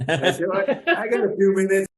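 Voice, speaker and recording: A man's voice: high voice, a little fast. A man chatting casually as a podcast co-host over a video call, his voice sounding echoey and roomy. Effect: echoey, roomy sound on his line.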